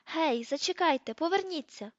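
A woman doing a desperate teenage boy wizard, shouting. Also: high-pitched, moderate pace, dry recording, pitched above the performer's own voice. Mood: urgent. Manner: shouting, pleading. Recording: dull lo-fi dry audiobook recording.

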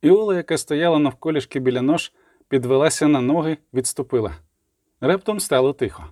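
A man narrating a storybook with a measured, dramatic reading. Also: fairly high pitch, a little mellow, no echo, clean studio sound. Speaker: audiobook narrator. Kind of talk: scripted audiobook narration.

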